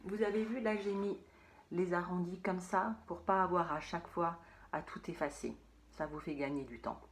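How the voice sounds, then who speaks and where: A woman teaching a phonics lesson to young children, saying words slowly and repeating them, sometimes in a whisper. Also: fairly low pitch.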